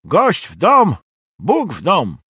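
A man doing a gruff old key-keeper. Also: high-pitched, huge pitch swings, slow pace, sharp tone, no room sound, clean studio sound, voice pushed up, exaggerated voice. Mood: grumbling. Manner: gruff and impatient. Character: old grumbling male castle key-keeper.

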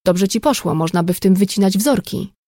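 A woman voicing a calm, teasing friend who stays unhurried. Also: medium pitch, dry recording, studio quality, natural voice.

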